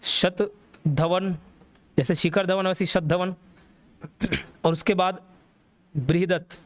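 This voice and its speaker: An exam coaching teacher gives a classroom history lecture in a high voice that stays steady and a little slow. He tells the story and quizzes the students along the way.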